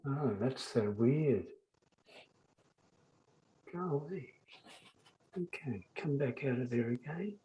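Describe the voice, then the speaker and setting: A man's voice: medium pitch, animated, slow pace, long pauses, dull audio, slight background noise. A man presenting to an online club meeting over a video call, hesitant and full of fillers. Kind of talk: casual online meeting talk.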